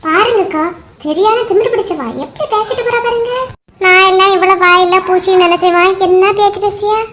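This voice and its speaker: A woman's voice: very high voice, a little fast, a bit bright, slight background noise. A woman voicing a gossipy, touchy village wife in a cartoon, speaking in a Kanyakumari Tamil accent and complaining in a whiny, self-pitying way. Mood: aggrieved. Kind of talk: cartoon voice acting.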